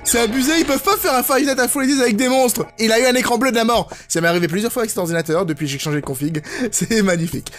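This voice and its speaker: A gaming YouTuber giving expressive, jokey let's play commentary on a horror game, prone to exclaiming and swearing. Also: medium pitch, rapid-fire, hardly any pauses. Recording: game music behind the voice. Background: horror game music.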